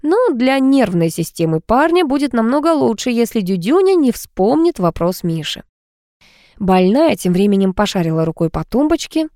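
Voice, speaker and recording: Lively woman reading a novel aloud. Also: moderate pace, dry recording, clean studio sound. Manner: expressive, lifts pitch for quoted characters. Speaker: audiobook narrator. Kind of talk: scripted narration with character voices.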